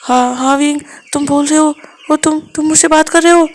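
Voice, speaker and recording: A woman's voice: high voice, fairly even intonation, moderate pace, pitched above the performer's own voice, close to an everyday voice. Woman putting on a stammering, pleading young man. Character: clingy tearful young adult man, pleading lover.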